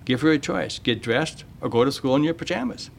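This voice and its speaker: A man hosting a radio show, reading a measured, plain-spoken monologue on parenting and then interviewing a guest. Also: mid-range voice, expressive, gravelly, slight background noise.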